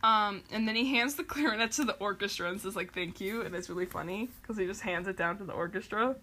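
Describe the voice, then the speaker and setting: Giggly young woman recapping, bright voice. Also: medium pitch, fast talker, slight background noise. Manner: rambling, filler-heavy, giggly. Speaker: podcast host. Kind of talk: casual chat recapping a show.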